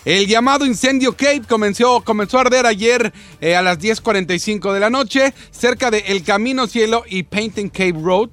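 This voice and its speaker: A man's voice: high voice, moderate pace, a bit bright. A man co-hosting a news show, joking with the others and reading a story. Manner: joking, playful back-talk. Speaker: news co-host. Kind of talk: comic news banter.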